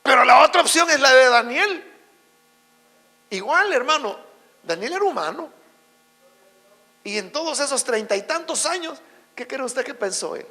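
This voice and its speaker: A male pastor preaching a sermon, swinging between quiet asides and slow, shouted emphasis. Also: extremely high pitch. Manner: preaching with rising shouts and slow stressed words. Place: church. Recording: long hall reverb with mains hum.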